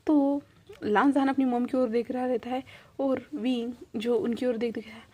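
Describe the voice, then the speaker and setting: Woman storyteller, casual and repetitive, high, mellow voice. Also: fairly even intonation, moderate pace. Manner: chatty, repetitive, fond of the characters.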